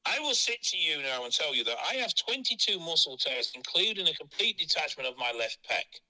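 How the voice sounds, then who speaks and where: A man's voice: a little high, very animated, brisk, pushed and bright. Blunt man on a phone line. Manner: blunt, frank and matter-of-fact. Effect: heard over a phone line. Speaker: interviewee. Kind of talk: candid phone interview.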